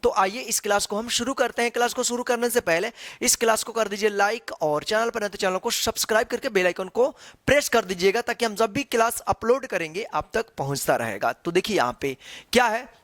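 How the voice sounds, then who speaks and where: A man teaching as an online tutor, explaining step by step and asking rhetorical questions before each answer, with drawn-out syllables. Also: high-pitched, fairly bright tone, dry recording, studio quality. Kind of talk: slow, patient classroom instruction.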